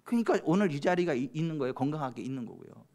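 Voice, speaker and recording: A man preaching a sermon as pastor, swinging from soft chatty asides to loud fervent exhortation and teasing church members. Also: on the high side, sing-song, rapid-fire, gravelly. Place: church sanctuary.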